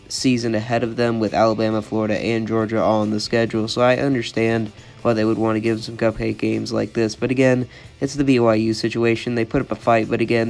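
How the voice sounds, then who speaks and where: Stuffed up from a cold, a young channel host runs through his college football picks in a lowish, gravelly voice. He stays monotone and opinionated, repeating himself and leaning heavily on "I think."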